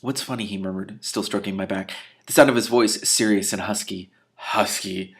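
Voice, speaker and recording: At a moderate pace and with fairly even intonation, a man with a lowish voice reads a novel aloud as host. He drops into casual asides that are sarcastic, irreverent and incredulous between the read passages.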